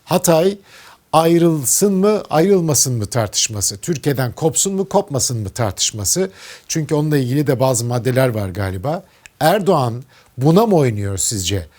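A man's voice: mid-range voice, big pitch swings, measured pace, a little mellow. A man with a Turkish accent interviewing a guest, asking earnest, probing questions about politics.

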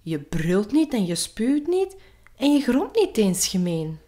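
A woman voicing a small, curious and stubborn boy knight in a read-aloud storybook, shouting defiant no's. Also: medium pitch, very animated, measured pace. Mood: wondering.

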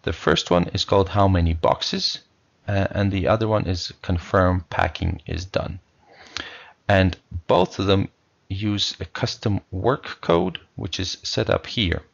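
Low gravelly man explaining software. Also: unhurried, lo-fi sound. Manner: relaxed, explanatory, many fillers. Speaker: software tutorial presenter. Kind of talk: screencast software walkthrough.

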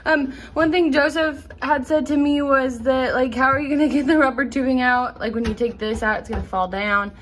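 A Nebraska farm vlogger casually narrates a DIY project in her home kitchen, filming on a handheld phone camera. She's chatty and rambling, full of "um"s and restarts, with a high, brisk voice, few pauses and slight background noise.

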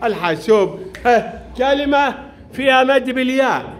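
A male primary school teacher running a brisk classroom quiz, calling on pupils by name and praising their answers. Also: very high voice, lively intonation, fairly bright tone, slight background noise.

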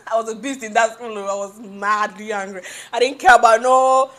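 A young woman in casual chat, excitable and cutting in on her friend. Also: on the high side, normal speed. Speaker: vlogger.

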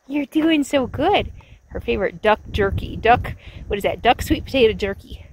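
A woman in her fifties, an RV travel vlogger, chats casually to the camera and sweetly to her dog, filmed on a phone held at arm's length. Her voice sits on the high side, animated and at a normal speed. She moves between a windy high-desert spot outdoors and the inside of her RV, with slight background noise.

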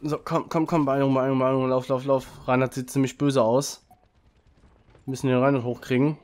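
A man commentating his own online shooter match, frantic and loud, urging his team on and cursing opponents. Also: medium pitch, little pitch movement, a little fast. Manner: frantic, urging teammates, swearing at enemies. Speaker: gaming channel host. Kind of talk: excited live game commentary.

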